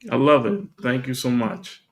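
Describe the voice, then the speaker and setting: A man's voice: medium pitch, moderate pace, gravelly. A man hosting an online panel, upbeat and encouraging with his guests. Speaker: host. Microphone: video call.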